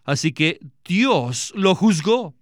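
A man's voice: high voice, sing-song, slow, no echo, studio quality. A man interpreting a sermon with an earnest, preaching cadence.

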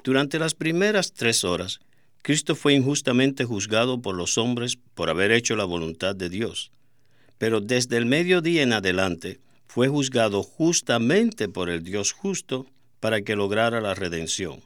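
A man's voice: medium pitch, expressive, unhurried, fairly bright tone, dry recording, clean studio sound. A man co-hosting a Bible study program, explaining in a teaching tone.

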